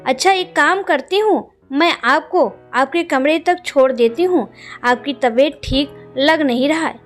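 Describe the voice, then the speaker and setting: A woman's voice: high voice, measured pace, soft background music. A woman voicing a playful young woman who mocks her brother. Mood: teasing. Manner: playful, mocking. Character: teasing young woman, mischievous sister.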